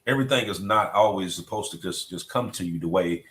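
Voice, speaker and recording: A man's voice: sits low, a little fast, fairly bright tone. A middle-aged man hosting a podcast conversation, reflective and repetitive, often asking "you know what I mean". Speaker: podcast host.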